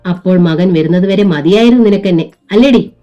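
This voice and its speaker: A woman's voice: lowish voice, moderate pace, dark tone, close to an everyday voice. A woman voicing an angry, jealous middle-aged man who growls harsh, scornful accusations, in a dull lo-fi recording with faint music.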